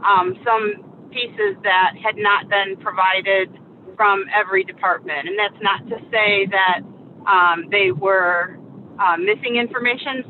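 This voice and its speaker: A woman calling in by speakerphone while driving, giving a city official's update at a public meeting, with careful wording and frequent "um" fillers. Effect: speakerphone call from a moving car. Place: driving in a car. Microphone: phone on speaker. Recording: tinny phone line with faint car rumble.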